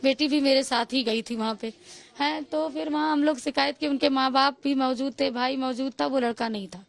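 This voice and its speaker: A woman in her forties, a mother giving an interview, recounting events in a steady stream, acting out quoted speech and repeating phrases. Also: high-pitched, moderate pace, gravelly. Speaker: victim's mother interviewed by reporter. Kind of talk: tearful-free eyewitness account in a news interview.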